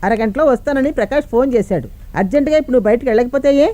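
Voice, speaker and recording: A woman's voice: fairly high pitch, racing, dark tone, natural voice. An actress playing a stern, protective grandmother who scolds and commands. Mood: worried. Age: older. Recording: film soundtrack with music behind. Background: music.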